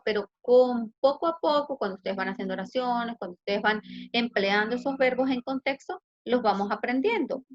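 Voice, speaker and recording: Chilean woman teacher, patient online lesson, highish voice, muffled video-call audio. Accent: Chilean Spanish. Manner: patient, explanatory, asks students questions. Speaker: English teacher.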